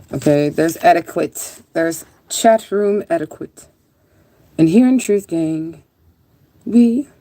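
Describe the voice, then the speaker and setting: On a livestream, a woman with a low-pitched, dark-toned voice answers viewer comments in casual live chat. Her talk rambles, stays laid-back, and now and then turns profane.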